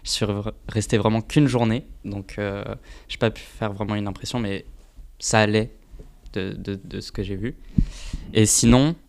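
Relaxed young man, hesitant guest. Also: fairly low pitch, normal speed. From Paris, France. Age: young adult. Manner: relaxed, hesitant, many fillers. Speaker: student guest. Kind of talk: casual radio interview.

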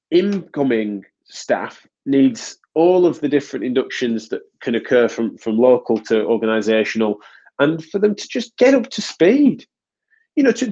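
A man from the United Kingdom, a physiotherapist hosting a podcast, has a slightly high, creaky voice with a warm tone. Stuffed-up and nasal from congestion, he chats casually and rambles with frequent restarts, and the recording is dull and lo-fi.

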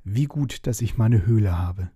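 Man voicing a grumbling old dragon, easily frightened, dark husky voice, dry sound. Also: fairly low pitch, lively intonation, unhurried, no room sound. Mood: puzzled. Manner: grumbling, wondering aloud.

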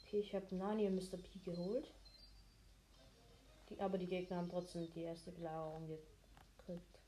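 A woman giving casual, low-key, mildly grumbling commentary on her own gameplay. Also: flat delivery, moderate pace, warm tone. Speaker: gamer commentating own play.

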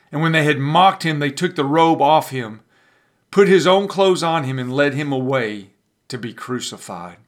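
A man preaching a sermon as pastor, building emphasis with dramatic pauses and sometimes repeating words as he pushes a point. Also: high voice, fairly bright tone.

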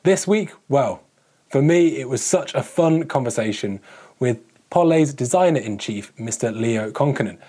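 Man, podcast host, enthusiastic, casual, husky voice. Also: medium pitch, animated, moderate pace, warm tone. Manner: enthusiastic, self-described bike tech fanboy.

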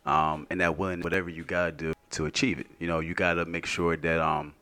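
A man with a very deep, low voice co-hosts a casual podcast. He talks in an earnest, reflective way, circling his point and checking in with his listeners as he goes. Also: flat delivery, quick pace, pushed and bright, clean tone. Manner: earnest, reflective, often asks "you know what I mean". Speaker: podcast co-host.

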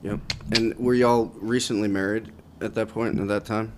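A man co-hosting a podcast, asking questions in a relaxed, plain-spoken way. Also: fairly low pitch, moderate pace, slight background noise. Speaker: podcast co-host. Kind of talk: casual chat.

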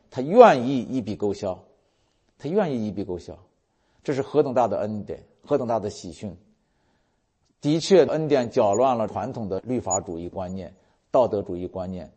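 A male pastor preaching a sermon, retelling scripture stories earnestly and warmly. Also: lowish voice, slightly rough. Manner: earnest, warm storytelling preacher quoting scripture.

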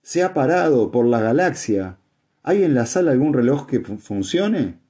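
Man shouting as a frantic raspy-voiced scholar. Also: medium pitch, big pitch swings, normal speed, voice pushed up. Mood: alarmed shouting. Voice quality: strident, shouting. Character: agitated shouting male scholar.

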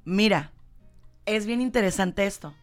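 Mexican woman host, mid-pitched, punchy and repetitive, talking to her audience over faint music. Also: expressive, unhurried. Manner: emphatic, repeats points, addresses audience directly. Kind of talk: motivational talk-show chat.

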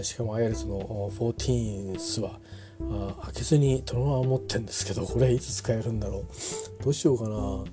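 A man talking casually on his own, rambling with many fillers and self-corrections. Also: mid-range voice. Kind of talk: casual solo talk.

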